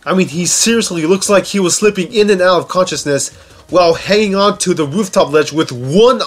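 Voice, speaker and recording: A man with a high voice speaks briskly, offering informal, sarcastic countdown commentary on video game scenes. He regularly sounds incredulous and curses, with background music playing behind him.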